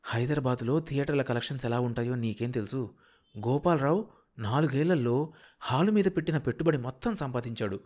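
A man voicing a sharp-tongued, scheming middle-aged wife who scolds her husband. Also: mid-range voice, fairly quick, natural voice. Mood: scolding. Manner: bossy, impatient, scolding.

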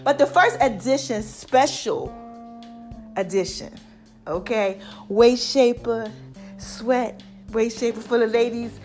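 A woman's voice: on the high side, takes it slowly, a little mellow, faint music behind. An American woman in her forties talking casually and emphatically to her online audience like a motivational host, repeating catchphrases and checking in often, her voice slightly affected by allergies. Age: 40s. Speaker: online motivational host selling her own fitness line. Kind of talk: casual direct-to-audience monologue.

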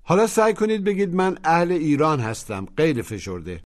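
A man's voice: fairly high pitch, big pitch swings. Man instructing on a lesson tape. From Iran. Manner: didactic, coaching. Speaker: language teacher. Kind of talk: taped language lesson instructions.

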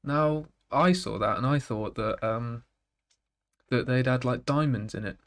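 A man co-hosts a loose, casual chat, tossing in quick jokes and breaking into laughter often. His voice sits at an ordinary pitch for a man. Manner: jokey, quick quips and bursts of laughter. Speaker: podcast co-host.

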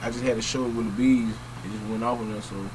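Fast-talking man over a noisy background. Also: mid-range voice, fairly even intonation. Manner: slangy, informal. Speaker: rapper guest. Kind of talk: casual chat.

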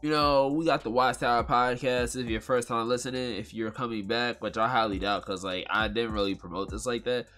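A man with a bright, forceful voice and a congested, nasal whine hosts a podcast on his own. He rambles casually in slang, circling back and repeating phrases for emphasis. Faint music sits behind his voice. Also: medium pitch, steady tone, fairly quick, hardly any pauses. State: congested from allergies. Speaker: podcast host. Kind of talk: casual solo podcast chat.

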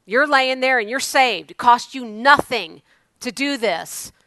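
A woman preacher delivering a sermon in an emphatic, exhorting way, slowing on key phrases and putting pointed questions to her listeners. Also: on the high side, lively intonation, sharp tone, no echo. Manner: asks pointed rhetorical questions. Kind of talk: sermon to a congregation.

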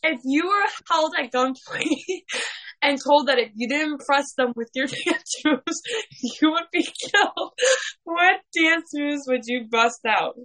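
A woman's voice: high-pitched, a little slow, fairly bright tone. A young woman co-hosting a casual podcast, giggly and teasing, rambling as she asks questions. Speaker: co-host.

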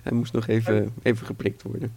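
Co-host, male, low creaky voice, dry close mic, playful storyteller. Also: monotone, brisk, warm tone, no room sound. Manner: laughs often, playful asides. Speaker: podcast co-host reading a fairy tale. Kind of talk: storytelling and casual chat.

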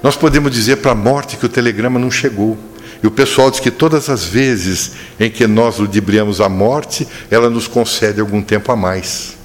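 A man voicing a young husband explaining a quick plan to trick Death, in a reverberant hall. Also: fairly low pitch, soft background music, lightly acted. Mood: scheming.

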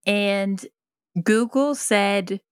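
A woman's voice: mid-range voice, extremely slow, clean tone, dry recording, clean studio sound. A woman co-hosting a casual chat, curious and asking questions, laughing along. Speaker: podcast co-host.

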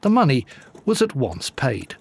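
A man reading old newspaper court reports aloud in a measured, lively way with dry wit. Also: medium pitch. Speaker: narrator.

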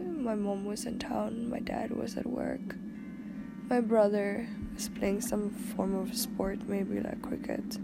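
A woman with a nasal, congested voice casually tells personal stories in a musing way, sometimes trailing off softly. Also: mid-range voice, creaky, rough recording. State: congested sinuses. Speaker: storyteller. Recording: music behind the voice. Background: music.

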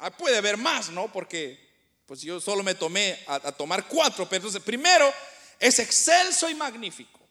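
A man preaching a sermon as pastor, calling his listeners brothers, emphatic with quick asides. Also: extremely high pitch, sharp tone.

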